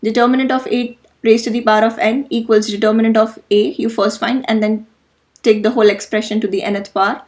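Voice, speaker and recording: A woman's voice: fairly high pitch, flat delivery, brisk, darkish tone. A woman lecturing through matrix notation step by step, methodical and now and then correcting herself. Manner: methodical, self-correcting explanation. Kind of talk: slide-based math lesson.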